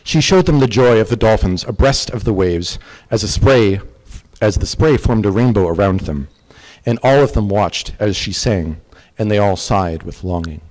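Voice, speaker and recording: A man recites a long poem with a steady, lilting rhythm. His voice sits somewhat low, and he rides the meter line after line. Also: normal speed, low-quality recording. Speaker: poetry reciter. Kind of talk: poetry recitation.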